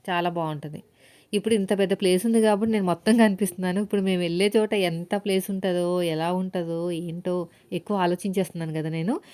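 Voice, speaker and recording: A woman's voice: on the low side, warm tone. A housewife vlogger chatting casually to her viewers while she cooks in her home kitchen, telling little stories as she goes. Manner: chatty, talks straight to viewers, tells stories. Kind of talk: casual vlog chat while cooking.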